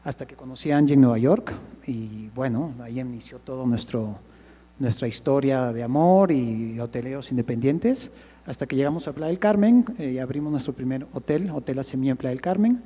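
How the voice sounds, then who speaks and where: A man's voice: medium pitch, fairly quick, dark tone, slightly rough, poor audio. A man from Peru introducing himself as a hotelier on a conference panel, hesitant with many fillers.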